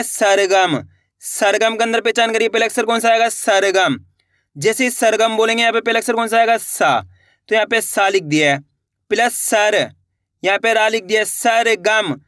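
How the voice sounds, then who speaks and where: A man teaching children to write words, drilling each word slowly and repeating it back and forth. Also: sits high, a bit bright, dry recording, clean studio sound. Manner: addresses viewers as friends. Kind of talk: children's Hindi writing lesson.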